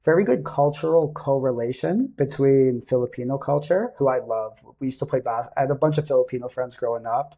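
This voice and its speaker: Male podcast host, mellow and slightly husky, upbeat and chatty. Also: mid-range voice, fairly quick, hardly any pauses. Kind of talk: casual interview.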